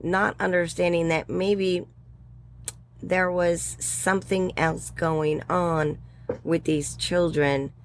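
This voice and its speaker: A woman in her sixties speaks slowly in a fairly low, flat voice. As a guest educator in a conversational interview, she thinks aloud, with frequent ums and small laughs.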